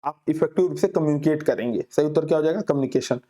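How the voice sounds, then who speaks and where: A man teaching an exam-prep class, explaining answers with homely examples and reading questions out slowly. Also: on the high side, warm tone. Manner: reads English questions out very slowly, then explains with everyday examples. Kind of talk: Hindi lecture solving exam questions.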